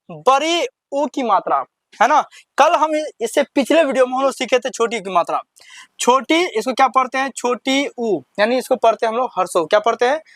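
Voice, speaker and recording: A man teaching children to read Hindi over slides, asking questions and answering them himself, and spelling words out slowly syllable by syllable. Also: very high-pitched, a bit bright, dry recording, studio quality. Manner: repetitive call-and-response questioning; slow drawn-out syllable-by-syllable reading. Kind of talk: classroom lesson over slides.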